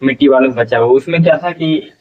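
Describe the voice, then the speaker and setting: Man teaching, tinny and distant. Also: mid-range voice. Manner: explains slowly, repeats words, asks and answers his own questions. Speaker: English teacher. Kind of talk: classroom vocabulary lesson.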